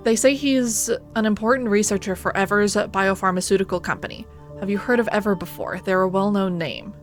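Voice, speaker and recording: A woman streaming a video game, reading out story text and commenting on it in an expressive, theatrical way. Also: mid-range voice, fairly quick. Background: music.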